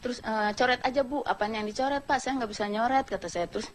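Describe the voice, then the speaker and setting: A woman's voice: fairly high pitch, fast talker, a little hiss or hum. A woman, the mother of a detained young man, tells a reporter what happened in everyday colloquial speech, quoting others along the way, inside a small home. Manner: plain colloquial speech, retells events with quoted dialogue. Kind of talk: field interview.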